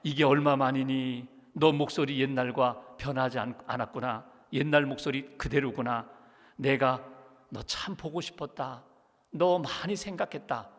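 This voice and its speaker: A man voicing a tender blind mother who pleads with her grown daughter in a low, hushed voice, with long church reverb. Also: animated, normal speed. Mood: pleading.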